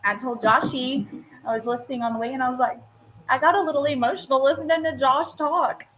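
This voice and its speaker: A woman's voice: high voice, steady tone, fairly quick, fairly bright tone, rough recording. A woman, co-hosting a casual morning radio chat, giggly and self-deprecating. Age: 30s. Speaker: radio show co-host.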